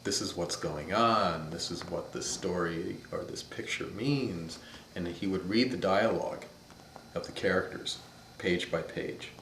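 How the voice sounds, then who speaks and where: A man's voice: low-pitched, a little slow, vocal fry, fairly bright tone, slight background noise. A man in his fifties from upstate New York, thoughtfully telling stories of his childhood in an interview. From upstate New York, USA. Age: 50s. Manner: thoughtful, storytelling, searches for words. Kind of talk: reminiscing interview. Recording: echoey room.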